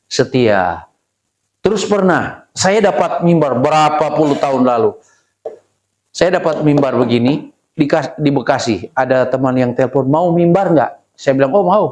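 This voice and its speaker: Animated man preaching in echoey hall. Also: a little high. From Indonesia. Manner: lively storytelling with exclamations, acting out dialogue. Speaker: pastor. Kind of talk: sermon. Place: church hall. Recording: echoey church room.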